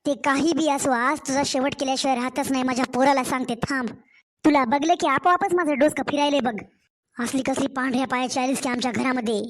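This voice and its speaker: A woman's voice: high-pitched, fairly even intonation, quick pace, close to an everyday voice. A woman voicing a harsh, scolding middle-aged mother-in-law in a cartoon story. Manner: scolding, insulting.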